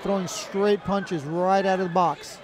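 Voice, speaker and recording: A man's voice: high voice, fairly even intonation, measured pace, background noise. A man giving conversational, emphatic color commentary on an MMA fight, often repeating himself. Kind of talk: live MMA analysis, conversational. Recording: crowd and music behind.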